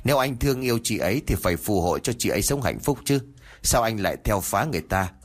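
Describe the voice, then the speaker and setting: A man voicing an older male exorcist who scolds and interrogates a ghost in quick, stern questions. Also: lowish voice, lively intonation.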